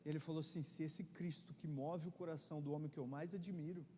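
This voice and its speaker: A middle-aged Brazilian man with a Brazilian Portuguese accent, preaching a conversational sermon in church, swinging between loud urgency and quiet intensity. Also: fairly high pitch, steady tone, quick pace. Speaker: pastor. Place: church hall. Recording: long reverb of a church hall, faint ambience.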